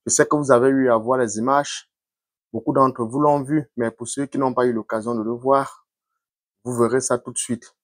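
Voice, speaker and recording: Husky man giving vlog commentary. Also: medium pitch, steady tone, normal speed, dry recording, clean studio sound.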